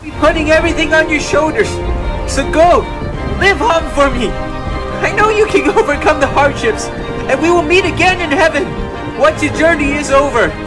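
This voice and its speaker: A man voicing a selfless, squeaky little cartoon friend. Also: normal speed, rough recording. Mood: tender farewell. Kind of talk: animated web series dialogue. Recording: music behind the voice.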